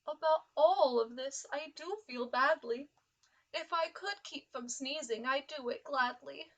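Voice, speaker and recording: A woman voicing a big, gentle, easily frightened male elephant in an expressive storybook reading. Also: sits high, measured pace. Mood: sad, apologetic. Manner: exaggerated, expressive storybook delivery.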